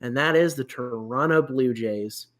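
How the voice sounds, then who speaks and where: A man's voice: mid-range voice, measured pace, fairly bright tone. A man hosting a casual sports podcast, rambling through a list with many restarts, fillers and self-deprecating asides. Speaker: podcast host.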